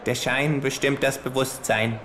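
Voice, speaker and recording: A man's voice: medium pitch, steady tone, a little slow, fairly bright tone, voice pushed up, lightly acted. A man voicing a cheeky, scheming male kangaroo who talks in a dry, laconic, mocking way.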